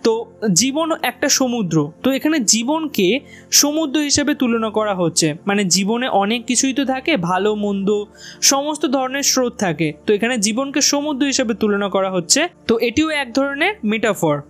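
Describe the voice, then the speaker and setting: A woman teacher from West Bengal giving a patient, explanatory exam-prep lecture to students, reading quoted English lines slowly and deliberately. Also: fairly high pitch, lively intonation, faint music behind. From West Bengal, India.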